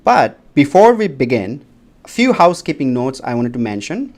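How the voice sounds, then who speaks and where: A man's voice: mid-range voice, big pitch swings, normal speed, a little mellow. A man moderating a livestream panel, giving formal notes to viewers in a polite, announcing manner.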